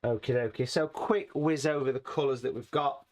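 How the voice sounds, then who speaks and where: A man teaching watercolour painting in a chatty, friendly way, his voice a little hoarse and rusty from hay fever. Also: medium pitch, moderate pace, a little mellow. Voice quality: rusty, slightly raspy. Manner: chatty, friendly, calls viewers folks. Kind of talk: casual painting tutorial.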